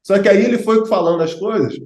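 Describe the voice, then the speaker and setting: A Brazilian man who teaches English and hosts chats casually while explaining something, with plenty of fillers and asides, in a Brazilian Portuguese accent. His voice is high-pitched, quick, and a little mellow, in an echoey room.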